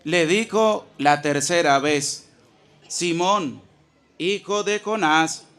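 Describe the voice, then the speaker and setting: Slow, smooth-voiced man reading scripture. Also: on the high side, fairly bright tone. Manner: measured, deliberate reading. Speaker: scripture reader. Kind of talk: slow Bible reading aloud.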